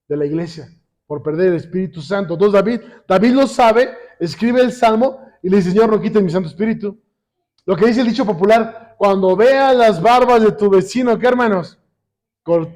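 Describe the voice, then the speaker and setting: A man teaching a Bible lesson to a congregation, often pausing to quiz them with call-and-response questions and slowing down when he quotes scripture. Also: high voice, darkish tone. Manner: slows down when quoting scripture. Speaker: church teacher. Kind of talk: sermon-style Bible lesson.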